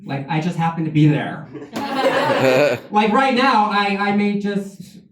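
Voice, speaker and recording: Heard through a noisy, echoey recording made secretly from far back in the audience, a man with a high voice performs a benefit-show comedy set. He talks slowly, making confessional jokes that poke fun at himself.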